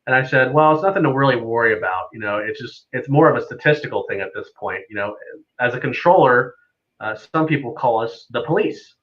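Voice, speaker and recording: This lo-fi clip has a man speaking a little fast in an animated mid-range voice. As a guest air traffic controller on a live stream, he explains things casually and conversationally, weaving in anecdotes.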